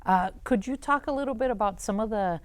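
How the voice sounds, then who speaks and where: A woman hosting a talk show, interviewing in a conversational way with hesitant, halting phrasing. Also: fairly high pitch, dry recording.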